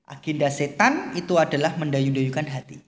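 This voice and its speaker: A man's voice: fairly high pitch, brisk. A man, a podcast guest, explaining his views at length in a casual religious talk. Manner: explanatory, lecturing, mixes in Javanese phrases. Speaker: guest speaker. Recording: echoey room with long reverb, faint hum.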